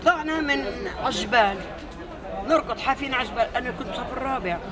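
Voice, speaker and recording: An older man from Palestine, telling his memories in a documentary in rapid, repetitive storytelling. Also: very high-pitched. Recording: film clip with crowd noise.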